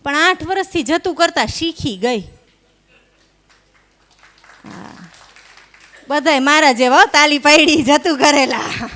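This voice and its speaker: Young woman, stand-up comedian, high voice, chatty, teasing, stage mic. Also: takes it slowly, pauses often, fairly bright tone. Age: young adult. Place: live stage at an event hall. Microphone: stage microphone.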